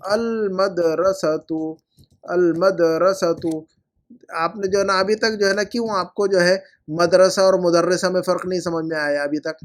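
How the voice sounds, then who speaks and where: A man with a rather high voice teaches an Arabic lesson and goes through his students' homework. He explains in Hindi-Urdu mixed with English terms and stretches key words out slowly, repeating them for drilling. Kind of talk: online lesson correcting homework.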